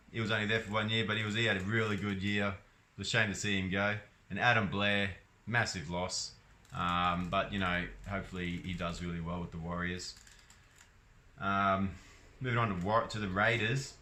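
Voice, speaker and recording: Bright-voiced Australian man, rambling vlog. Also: lowish voice. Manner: rambling, hesitant, with many ums and restarts. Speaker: sports vlogger. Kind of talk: casual solo vlog.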